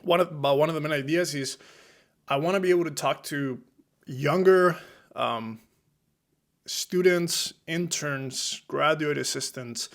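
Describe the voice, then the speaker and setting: Spanish-accented man hosting a podcast. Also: a little high. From Spain. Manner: reflective, loose, many fillers and restarts. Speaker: podcast host, strength coach. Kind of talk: solo podcast monologue.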